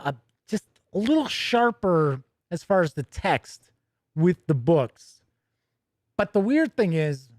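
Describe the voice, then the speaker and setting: A man with a notably high-pitched voice hosts a tabletop gaming news show on a casual livestream, chatting and reading news conversationally while correcting himself and dropping in small asides. The sound is very dry and close, with no echo or sense of the room.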